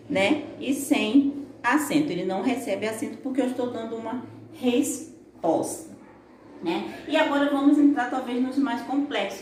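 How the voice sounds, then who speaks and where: A Brazilian woman teaching a remote lesson to young children, her voice pitched a little high. She explains step by step in a patient way and fills her pauses. The sound is echoey, as if recorded in a bare room on a phone. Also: darkish tone. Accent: Brazilian Portuguese. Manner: patient, explanatory, frequent fillers like "né". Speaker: primary school teacher.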